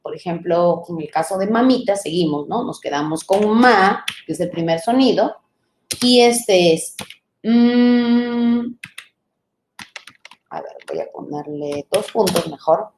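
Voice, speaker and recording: A woman teacher trainer giving a live online lecture, explaining patiently, sounding out syllables slowly and checking in with her listeners. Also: fairly low pitch, expressive, roomy sound, a little hiss or hum.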